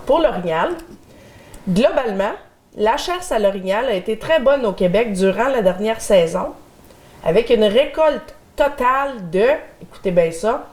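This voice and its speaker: A middle-aged woman with a Québécois French accent hosts a local community TV show, chatting and reading the news with fillers. Her voice is on the high side and a little mellow.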